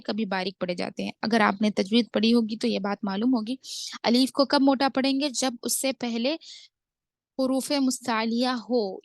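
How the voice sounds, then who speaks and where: A woman with an Indian Urdu accent teaches Quran recitation in a close, dry recording. Her voice sits a little high, and she moves between brisk, methodical explanation and slow, stretched-out recitation of each verse. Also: creaky, no echo. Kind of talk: tajweed lesson, explaining then reciting slowly.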